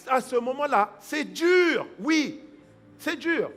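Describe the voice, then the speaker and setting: Taking it slowly, a pastor with a very high-pitched, sing-song voice preaches a sermon. He shifts from hushed asides to loud exhortation, acts out excuses people make in quoted voices, and breaks into praying in tongues.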